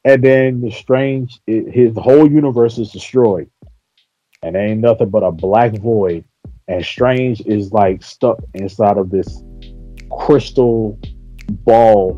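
Mellow husky man retelling a story. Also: fairly low pitch, slow, soft background music. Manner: animated storytelling with slang and swearing. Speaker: podcast host. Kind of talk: casual podcast chat, retelling a show episode. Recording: dull lo-fi podcast audio.

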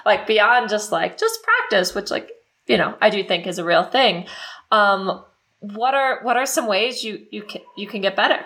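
A woman co-hosting a podcast in casual chat, lively and quick to laugh. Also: medium pitch. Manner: lively, chatty, laughs often. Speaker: podcast co-host.

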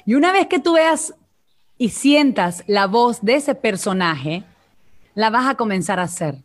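A woman's voice: a little high, animated, a little slow. A woman from Venezuela, a vocal coach and guest, talking in a coaching tone and addressing listeners directly in a live online interview.

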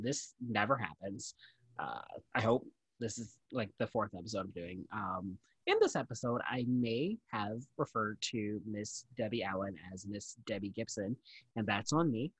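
A man's voice: fairly low pitch, a bit bright, slightly rough, no room sound, poor audio. A man hosting a podcast in casual, informal, self-deprecating chat, with some swearing. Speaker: podcast host.

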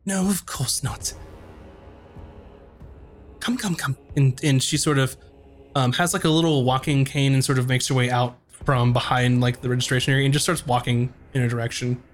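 A man narrating as game master of a tabletop game, quick and full of fillers. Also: mid-range voice, little pitch movement, soft background music.

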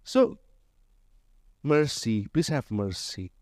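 Middle-aged male pastor, animated joking preacher, slightly high voice, dry recording. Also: very slow, no room sound. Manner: lively, mixes Indonesian with English phrases, jokes with the congregation. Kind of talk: sermon.

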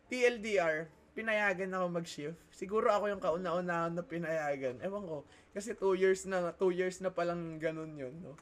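Young man, high voice, animated storyteller in a casual chat, swears, gets loud. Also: normal speed. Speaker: student telling a story.

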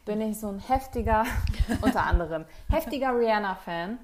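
A woman's voice: medium pitch, animated, normal speed, crowd noise. Young woman, podcast co-host, casual and enthusiastic, slangy, lots of fillers. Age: young adult. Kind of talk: casual chat.

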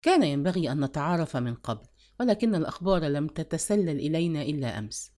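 Woman doing a polite old uncle, formal, lowish voice. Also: sing-song, quick pace, mellow. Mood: courteous. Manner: formal, courteous. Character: dignified older male uncle, courteous.

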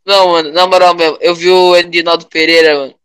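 A young man with a Brazilian Portuguese accent, chatting casually in a rambling, animated way full of slang. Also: fairly high pitch, fast talker, smooth, no room sound, poor audio.

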